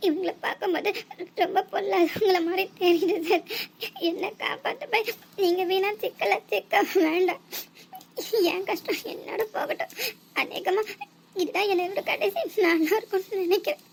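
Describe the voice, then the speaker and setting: A woman voicing a frightened young woman in a cartoon, pleading softly through tears. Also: extremely high pitch, moderate pace, gravelly, a little hiss or hum. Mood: tearful pleading. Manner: soft, pleading. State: tearful.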